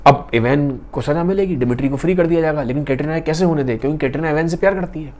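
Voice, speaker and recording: A man's voice: a little high, fast talker, a little mellow. A man retelling a classic novel in a casual, conversational and dramatic storytelling style.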